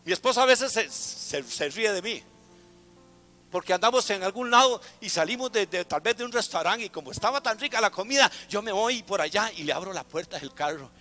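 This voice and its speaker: Animated high-voiced pastor. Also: male voice, a little fast, big-room sound, soft background music. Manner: animated, calls the congregation to repeat words. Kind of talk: sermon. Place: church.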